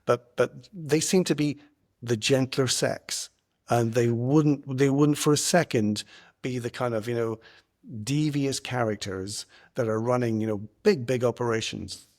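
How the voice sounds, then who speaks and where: A man with a mid-range, slightly mellow voice hosts a podcast from his front room, talking a little slowly. The casual chat is full of jokes, recorded through a single earpiece on a home setup.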